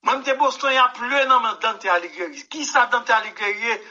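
A male musician guest rambles emphatically through interview answers, often saying "mon cher." His voice is extremely high, a little fast, pushed and bright, captured on a dull lo-fi recording.

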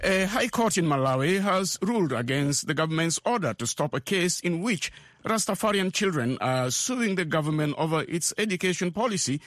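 A man's voice: fairly high pitch, a bit bright, no room sound. A man presenting radio news and asking interview questions as the host.

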